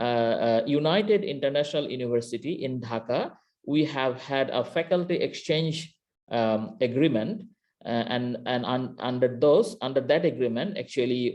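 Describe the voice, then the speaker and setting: With a mid-range voice and darkish tone, a Bangladeshi-accented university lecturer teaches an online class. He comes through a computer mic on a video call, halting often with fillers and restarts.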